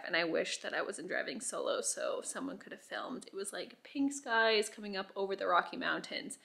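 A woman in her thirties with a mid-range, gravelly voice and a sharp tone chats casually to a camera she holds at arm's length. She's a travel vlogger, rambling upbeat across hostel grounds, a car and her bedroom at home.

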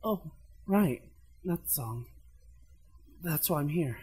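Woman playing a fragile, unhinged young man, very slow-spoken. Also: low-pitched, lively intonation, mellow, husky, full character voice. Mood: dazed, haunted. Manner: theatrical, dramatic delivery. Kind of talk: amateur fandub radio play acting. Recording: music behind the voice.

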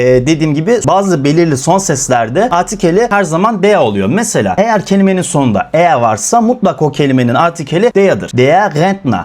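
A young man teaching German grammar, listing examples one by one with many filler sounds. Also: a little high. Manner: lively, repeats examples, fillers "e". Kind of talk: explaining grammar lesson in Turkish.

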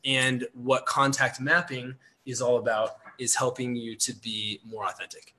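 A man in a radio conversation, talking earnestly and explaining in a measured, promotional way. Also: mid-range voice, little pitch movement, bright, forceful tone, a little hiss or hum, poor audio.

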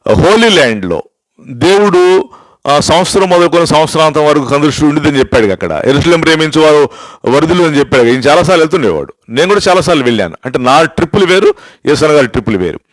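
A man's voice: on the high side, lively intonation, fast talker, dry recording, low-quality recording. An older man, a pastor, giving an emphatic sermon-style testimony, telling stories, asking rhetorical questions and switching into English phrases for emphasis. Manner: storytelling with repeated rhetorical questions.

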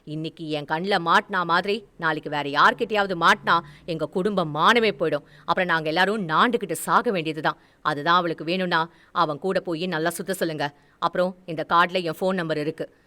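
A woman voicing a furious, heartbroken elder brother who shouts, scolds and gives orders. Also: high-pitched, expressive, fairly quick. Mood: stern commanding. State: tearful.

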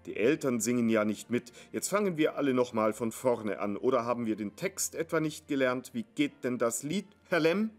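Guy reading as a bossy student santa, deep and stern, lecturing like a teacher. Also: sing-song, a little slow, faint music behind. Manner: deep, stern schoolmasterly scolding. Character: young male student playing Santa, stern.

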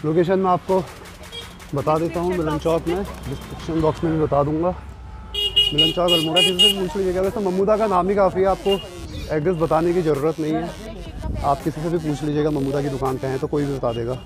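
A man's voice: fairly high pitch, a little fast. A young man from Uttarakhand, India, with a slightly sore throat, walking through outdoor market streets and chatting to viewers as he guides a tour, recorded on a phone camera with background music. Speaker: vlogger. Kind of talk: walking city tour vlog.

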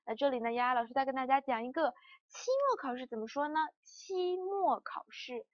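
High-voiced woman teaching slow word drills. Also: steady tone, dry recording, highs cut off. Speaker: language teacher. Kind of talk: lesson.

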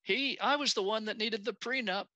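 A man's voice: sits high, normal speed, sharp tone, dry recording, muffled recording, voice pushed up. A man putting on the voice of his scoffing, indignant wife during a lecture. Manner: indignant, mocking. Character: scoffing woman, the speaker's wife.

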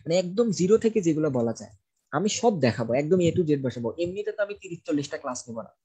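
Male tutor, dark mellow tone, patient drilling style, asks and answers his own questions. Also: on the high side, very animated, very fast, husky. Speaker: chemistry tutor. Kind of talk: online class lecture.

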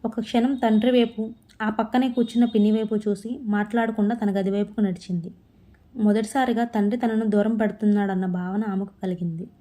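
A woman narrating a story in a calm, steady, measured reading voice. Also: medium pitch.

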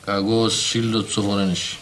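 An actor playing a cheeky young nephew who pleads and teases, with a Cypriot Greek accent. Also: male voice, fairly low pitch, flat delivery, fairly bright tone, slight background noise, close to an everyday voice. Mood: wheedling. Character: cheeky young nephew, male, wheedling for money. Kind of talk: TV sitcom acting.

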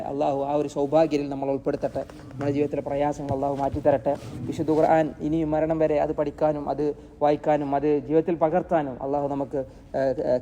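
Dark-voiced preacher man. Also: on the high side, slight background noise. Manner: asks rhetorical questions and answers them himself; recites Arabic verses slowly. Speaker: Quran teacher. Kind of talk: Quran lesson sermon.

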